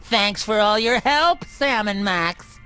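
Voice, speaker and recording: A self-important little ringleader of hell in a video game. The delivery is prim and officious with animated pitch, set over music. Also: moderate pace. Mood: smugly triumphant. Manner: officious, pompous. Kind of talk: video game character acting. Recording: music behind the voice.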